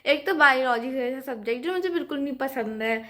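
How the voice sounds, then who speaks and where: Brief: teen girl vlogger, high-pitched, chatty and rambling, phone-camera sound. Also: lively intonation, brisk, sharp tone. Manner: chatty, rambling, mixes Hindi and English. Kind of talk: casual vlog chat.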